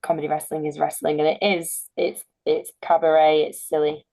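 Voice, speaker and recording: Woman chatting on a podcast, mellow warm voice, chatty. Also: low-pitched, level tone, normal speed, poor audio. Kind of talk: casual podcast chat.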